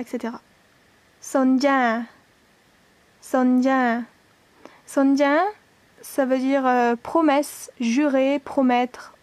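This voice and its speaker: A woman's voice: fairly high pitch, a little mellow, no room sound. A woman teaching a language lesson, patiently repeating each word and spelling things out, now and then correcting herself.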